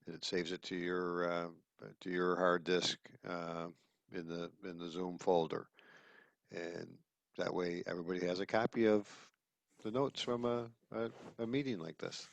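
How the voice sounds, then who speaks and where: Low-voiced man explaining on a call. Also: level tone, normal speed, creaky, no room sound, muffled recording. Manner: explains step by step with fillers. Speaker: meetup participant. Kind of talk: casual video call chat. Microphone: computer mic on video call.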